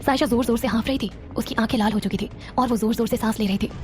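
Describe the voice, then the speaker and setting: A woman narrating a romantic audio series in a steady storytelling manner. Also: on the high side, fast, soft background music.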